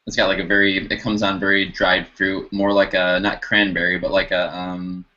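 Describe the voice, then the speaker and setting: A man's voice: deep voice, level tone, normal speed, sharp tone, muffled recording. A man co-hosting a casual beer review show, searching for words with hesitant fillers. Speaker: beer review podcast co-host. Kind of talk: casual beer tasting chat.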